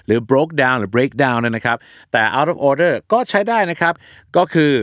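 A man hosting an English-teaching talk show, telling stories and explaining English words in a casual, animated way. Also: medium pitch, measured pace, no room sound, studio quality. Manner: animated storyteller, mixes English terms into speech. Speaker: English teaching podcast host.

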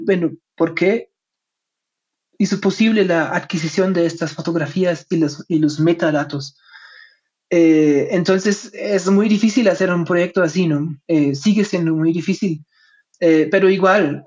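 A man's voice: a little high, darkish tone. A man with a German accent, a native German speaker using Spanish, answers interview questions in a conversational way. His phrasing is reflective and hesitant, often checking in with short tag questions. The recording is dull and lo-fi. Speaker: interviewed academic researcher and author. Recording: dull, lo-fi sound.

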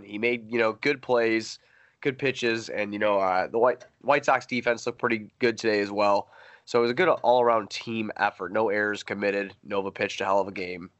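A man hosting a sports podcast, chatting casually and haltingly, often repeating words. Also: lowish voice, a bit bright, dry recording, muffled recording. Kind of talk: casual baseball chat.

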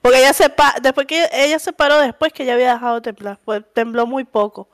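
A high-pitched woman with a Venezuelan accent chats casually as podcast co-host. She tells stories in a lively, laughing way, acting out other people's lines in a raised voice. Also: fast. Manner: animated, laughs often, acts out quotes in raised voice. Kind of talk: casual storytelling chat.

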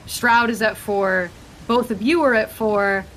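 A woman narrating as game master of a tabletop game, describing scenes in a lively, vivid way. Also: mid-range voice, a little slow, slight background noise, low-quality recording.

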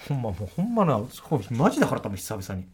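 A man with a Kansai accent, co-hosting a comedy radio talk show, telling stories in an animated, excitable way. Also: mid-range voice, quick pace, crowd noise. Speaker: radio co-host.

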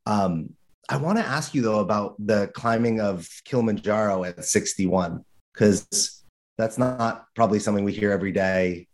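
Chatty low-voiced male co-host. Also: moderate pace. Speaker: podcast co-host. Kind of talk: casual interview talk.

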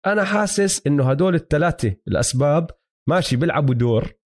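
Here a man talks fast and expressively in a slightly high, darkish voice with a Palestinian-Jordanian Levantine Arabic accent. Co-hosting a casual basketball discussion, he explains his views, checks for understanding, and blends in English basketball terms.

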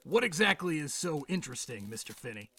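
An actor playing an exasperated, sceptical middle-aged police boss in an audio drama, with a gravelly rasp and a brusque, sarcastic beat-cop bark. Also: male voice, fairly high pitch, very animated, a little fast, fairly bright tone. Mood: sceptical, stern. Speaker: police commander.

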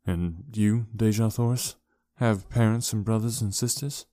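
A man voicing an earnest, lovestruck adventurer in an audiobook, speaking low and earnest. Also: steady tone, measured pace, mellow, no echo, studio quality, close to an everyday voice.

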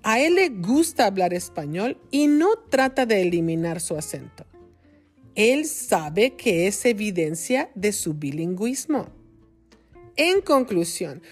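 A Mexican woman hosts a podcast for Spanish learners, enunciating each word with deliberate care. She talks very slowly, and her pitch rises and falls in a lively, animated way. Faint music plays softly behind her voice. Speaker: podcast host and Spanish teacher. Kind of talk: slow, clear teaching podcast for learners.

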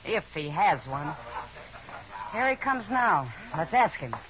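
A woman's voice: on the low side, very animated, slow pace, background noise. Kitty, sardonic saloon woman. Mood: sardonic, cool. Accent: American. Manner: dry, cool. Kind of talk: 1950s radio drama acting. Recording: muffled 1950s radio recording, saloon crowd.

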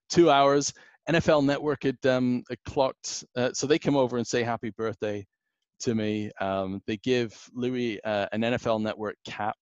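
A man's voice: medium pitch, dry recording, highs cut off. A man, rambling through a casual podcast anecdote with many fillers. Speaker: podcast guest.

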